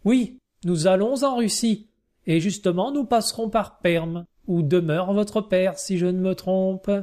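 A man's voice: high voice, measured pace, mellow. A man voicing Cascabel, hearty showman. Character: Monsieur Cascabel, hearty middle-aged travelling showman.

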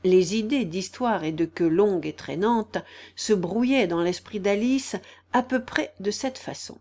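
A woman narrating a children's storybook slowly and expressively. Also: mid-range voice. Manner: slow, expressive. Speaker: audiobook narrator. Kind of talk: storybook reading.

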